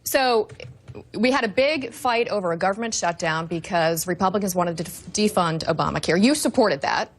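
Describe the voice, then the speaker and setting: A woman's voice: medium pitch, animated, normal speed, husky. A woman hosting a heated televised political debate, challenging and interrupting with pressing questions. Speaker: debate show host.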